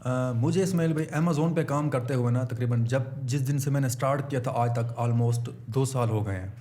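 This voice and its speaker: A man's voice: medium pitch, moderate pace, warm tone. Earnest male guest telling his story. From Pakistan. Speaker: interview guest, online seller. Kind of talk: casual interview.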